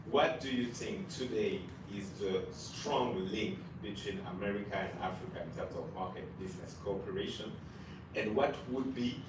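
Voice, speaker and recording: A man moderating a panel, putting long, hesitant questions to a guest. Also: fairly low pitch. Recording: echoey room, distant mic, noisy ambience.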